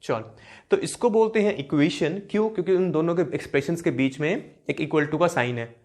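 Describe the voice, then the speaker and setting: A young man gives a maths lecture in a fairly high voice for a man. He keeps quizzing his students and answering the questions himself. When he reads out expressions, he slows down and spells them out step by step. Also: darkish tone. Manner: repeats key terms with quiz-like questions, slowing to spell out expressions. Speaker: maths teacher. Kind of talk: classroom lecture.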